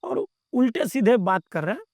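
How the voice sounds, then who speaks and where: A man with a high-pitched voice recounts an experience of his own as a podcast guest. He talks in a plain, chatty way and keeps circling back to repeat his phrases. The sound is dry and close, with no room echo. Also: very animated, moderate pace, vocal fry, a little mellow. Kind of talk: casual first-person storytelling.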